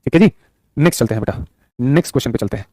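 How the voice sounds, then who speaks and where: A male teacher streams a live exam-prep lesson over a studio microphone, his mid-range voice expressive, racing and slightly mellow, with no room sound. He keeps repeating points, reads viewers' chat aloud, and lovingly refers to students as son and brother.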